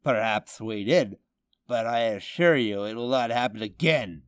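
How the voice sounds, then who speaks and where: A man's voice: medium pitch, unhurried, clear, resonant tone, no room sound, close to an everyday voice. A man voicing a scheming villain doctor, smug and menacing.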